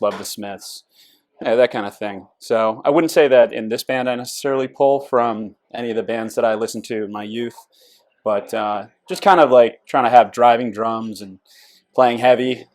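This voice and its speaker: A low-voiced man from Connecticut chats about his drumming background. His answers are easygoing and conversational. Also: steady tone, moderate pace. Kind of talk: casual interview answers.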